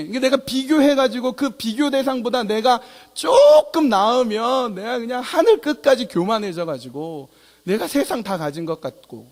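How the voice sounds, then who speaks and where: A male pastor preaching a sermon in church, telling stories and acting out the dialogue in them. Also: sits high. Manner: storytelling preacher, acts out dialogue. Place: church sanctuary. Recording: long hall reverb.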